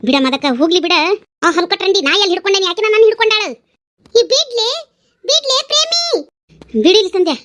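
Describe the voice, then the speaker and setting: A woman voicing brash, foul-mouthed village women in a cartoon, hurling insults in a North Karnataka Kannada accent. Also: a bit bright. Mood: quarrelsome. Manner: shrill, scolding, rapid-fire insults. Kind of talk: cartoon voice acting.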